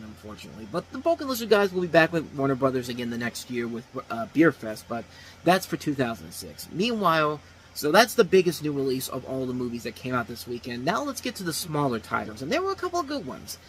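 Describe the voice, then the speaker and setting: Very animated and brisk, this thirties male host talks movies casually without a script, circling back, restarting, and repeating himself. The voice is mid-range and a bit bright, captured on a rough recording with faint hiss behind it.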